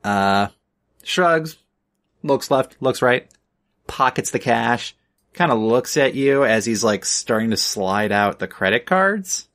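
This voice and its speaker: A man's voice: medium pitch, animated, slow, fairly bright tone. A man narrating as game master of a tabletop game, loose and full of fillers, laughing often.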